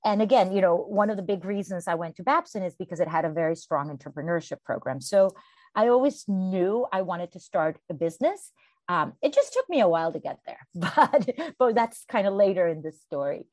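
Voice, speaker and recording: Woman guest from Costa Rica, slightly low voice, measured storytelling, dry sound. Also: lively intonation, darkish tone, dry recording. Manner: measured storytelling with occasional fillers. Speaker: guest, venture capital founder. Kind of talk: interview answers.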